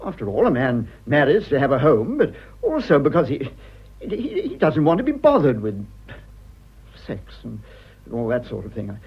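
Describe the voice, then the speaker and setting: Here the same sort of role: a male actor in a period radio drama playing a prim, petulant middle-aged husband, his upper-class British accent fussy, spluttering, and condescending, his mood hurt and pleading. The medium-pitched voice swings hugely in pitch at normal speed, sounding slightly rough and exaggerated through lo-fi audio.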